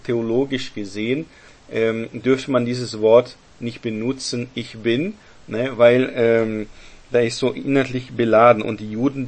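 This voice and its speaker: Male Bible study leader, mid-pitched, unhurried delivery, explains patiently with frequent check-ins. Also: slightly rough. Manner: explains step by step, often ending with "ne?". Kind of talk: Bible teaching to a group.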